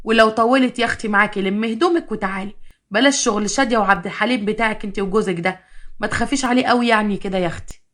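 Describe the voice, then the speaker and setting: Woman narrator doing a pushy Egyptian mom, rapid and blunt. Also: mid-range voice, fairly bright tone, close to an everyday voice. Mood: scolding. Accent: Egyptian Arabic. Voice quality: bossy, blunt. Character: sharp-tongued Egyptian mother egging her daughter on.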